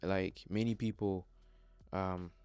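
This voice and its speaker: A young vlogger from the Democratic Republic of the Congo, whose first language is not English, speaks earnestly but hesitantly in a motivational personal vlog, full of fillers and restarts. His low-pitched voice is steady, slow, a little mellow, and clear with a resonant tone. There's no echo.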